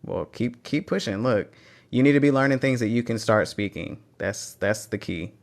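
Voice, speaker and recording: A Texan man hosts a casual live Q&A stream from his phone, reading chat questions aloud and cheering on language learners. His voice is medium in pitch and moderately paced.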